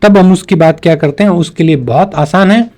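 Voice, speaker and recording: A man leads an online English lesson with a slightly high voice. He works through examples patiently, often slowing down to repeat sentences. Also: darkish tone. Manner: patient, repeats examples slowly, switches between two languages. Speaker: spoken English teacher. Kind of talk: explanatory online class.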